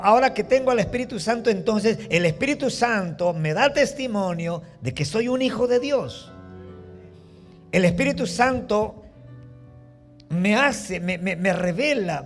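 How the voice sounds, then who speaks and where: A middle-aged Peruvian man preaching a sermon, telling a personal story with lively acted-out voices and exclamations. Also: high-pitched. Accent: Peruvian Spanish. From Peru. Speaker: pastor.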